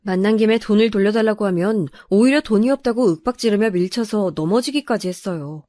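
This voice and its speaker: A woman's voice: medium pitch, a little fast, mellow, dry recording, studio quality. A woman narrating a true first-person family story, in an aggrieved, confiding manner.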